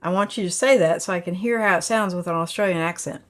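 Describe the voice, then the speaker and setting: An older woman hosts a livestream, chatting casually in a folksy, rambling way and reading out viewer comments with frequent fillers. Her voice sits on the low side, a bit bright, and she talks fast, with faint music playing behind her.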